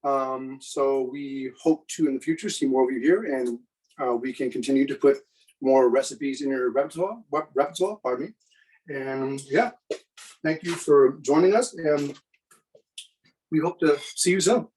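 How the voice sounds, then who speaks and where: A man presenting a live cooking demonstration for students, in a relaxed, chatty way with many fillers. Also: mid-range voice, normal speed, far from the mic, low-quality recording.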